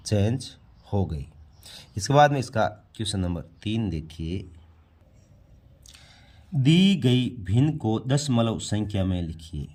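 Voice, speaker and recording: A math teacher with a lowish, somewhat dark voice walks through a primary-school math lesson one step at a time. He asks questions and answers them himself, classroom-style, as he explains on a board.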